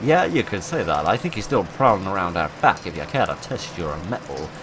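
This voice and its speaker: A man's voice: sits low, big pitch swings, a little fast, background noise. A man voicing a cheerful, friendly drifter in a game, with an easygoing folksy manner. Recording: game music playing underneath.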